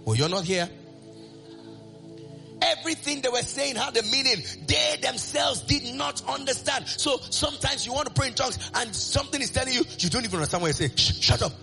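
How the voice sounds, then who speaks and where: Male preacher, high bright voice, animated sing-song delivery, faint music behind. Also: fairly quick, vocal fry. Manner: animated, call-and-response, sing-song rises. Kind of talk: sermon.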